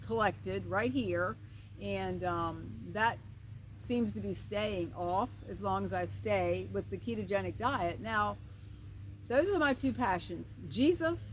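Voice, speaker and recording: A middle-aged woman with an average-pitched voice speaks in a casual, reflective vlog style. Her words are slightly slurred, as though one side of her mouth were numb. She is outdoors, with clear insect and nature noise around her. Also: poor audio. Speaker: vlogger and pastoral counselor. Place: outdoors by a creek. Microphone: camera at a short distance. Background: insects and woodland ambience.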